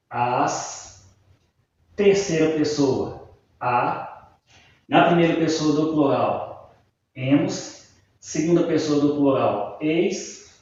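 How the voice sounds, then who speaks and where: A fairly high-voiced man with a Brazilian Portuguese accent teaches grammar patiently and keeps checking that his listeners follow. He sounds some way from the mic, in a very echoey room. The recording is dull and muffled. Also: darkish tone, recorded from a distance. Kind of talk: explanatory video lesson.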